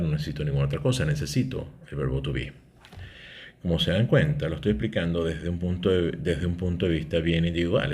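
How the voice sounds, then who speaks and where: A man, teaching an English grammar lesson and explaining step by step, often checking in with "¿ok?". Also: extremely low pitch.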